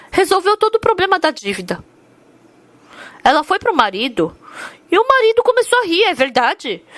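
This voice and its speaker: A woman's voice: extremely high pitch, a bit bright, no echo. A woman interpreting a sermon, telling its story earnestly and with emphasis.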